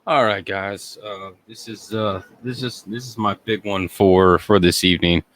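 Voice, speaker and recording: A man selling coins on a live sale stream, talking haltingly with many fillers. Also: lowish voice, fairly even intonation, a bit bright, no echo, low-quality recording. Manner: halting, many ums and uhs.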